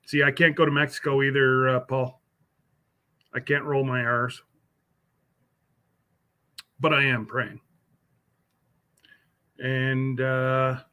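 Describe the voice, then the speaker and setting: A man hosts a casual live stream, rambling as he answers viewers by name, full of fillers and restarts. His mid-range voice sounds pushed and bright.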